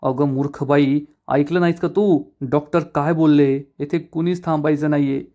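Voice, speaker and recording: A man's voice: on the high side, fairly even intonation, normal speed, warm tone, close to an everyday voice. A man voicing an angry, domineering woman who scolds and threatens harshly in a retold drama. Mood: scolding.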